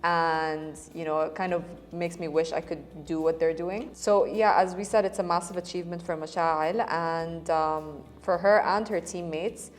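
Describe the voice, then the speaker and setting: A woman co-hosting a casual news chat show, talking in quick bursts with lots of fillers. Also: on the low side, steady tone. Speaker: co-host.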